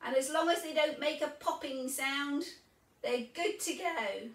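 A woman in her fifties talks through her cooking in a cheerful, chatty way, explaining each step. Her voice sits high and her pace is relaxed and slow. The sound is roomy, picked up by a camera a little way off in her kitchen. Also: recorded from a distance. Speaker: home cooking vlogger. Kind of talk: casual kitchen demonstration. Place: home kitchen, indoors. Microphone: camera mic at a distance.

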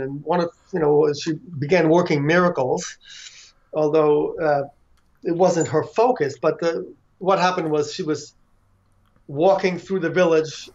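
Man, storytelling in conversation, slightly high pitch, relaxed and halting, dull recording. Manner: relaxed, frequent fillers and restarts. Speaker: author and devotee.

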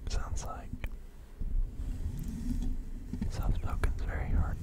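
A man in his twenties whispering softly and soothingly in a breathy, hesitant way, very close to the microphone, as an ASMR creator. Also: very slow. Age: 20s. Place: small dim bedroom, indoors. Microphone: microphone inches from the mouth.

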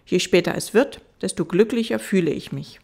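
A woman voicing a gentle, wise fox in an audiobook, earnest and patient as it explains. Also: medium pitch, moderate pace, gravelly, husky, pitched above the performer's own voice.

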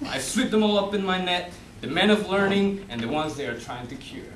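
A man's voice: sits high, expressive, a little fast. Young man playing mocking, theatrical Death, far off. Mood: wry, boastful. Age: young adult. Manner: gloating, sardonic, laughs often. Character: Death, a mocking, theatrical, cunning male personification. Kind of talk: amateur stage play acting. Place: indoor theatre stage. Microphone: distant camera. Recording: echoey stage, distant camera mic, noisy.

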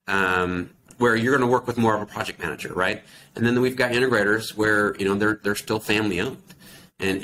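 A forties-aged American account manager, appearing as an industry expert guest, speaks in a low, slightly bright voice while conversationally working through his explanations. The recording is low quality, made over a video call with a computer microphone in a small, plain indoor office where background noise is clearly present.

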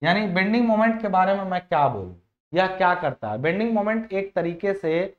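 This man's voice sits high, expressive and brisk, as he teaches engineering in a chatty classroom lecture. He repeats phrases, quizzes his students, and mixes English technical terms into his speech, all on a dull lo-fi recording.

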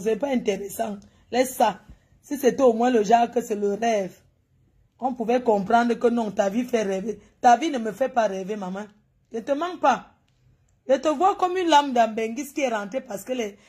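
A woman's voice: fairly high pitch, moderate pace, warm tone, slightly rough. A woman hosts a gossip channel. She gives mocking commentary over a video and scolds and teases the person on screen directly. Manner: scolding, teasing, talks straight at the person on screen.

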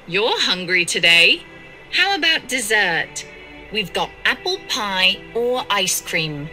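A friendly canteen server, played by a woman, speaking in a very bright, lively voice. She talks slowly and deliberately. It sounds like a textbook recording with faint music underneath. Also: medium pitch, exaggerated voice. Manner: clear and deliberate. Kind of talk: scripted textbook audio.

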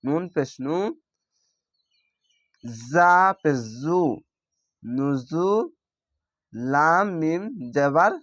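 Slow, syllable-spelling male Quran teacher. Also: fairly high pitch, fairly bright tone, no echo, clean studio sound. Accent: Bangladeshi Bengali. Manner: slow, drawn-out syllable-by-syllable spelling with recited words. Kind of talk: spelling-out Quran recitation lesson.

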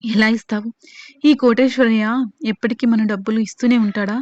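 A woman's voice: on the high side, steady tone, a little fast, darkish tone, no room sound, close to an everyday voice. A woman voicing a sad, pleading young woman who is expecting a child, in a dull lo-fi recording. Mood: sorrowful. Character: sorrowful pregnant young woman, elder sister.

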